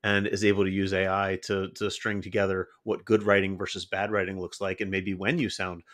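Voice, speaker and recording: A man with a lowish voice chatting loosely as a podcast co-host. He talks candidly and with no filter, running long stories together. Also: little pitch movement, brisk, a bit bright. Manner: candid, self-described unfiltered. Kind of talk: casual podcast chat.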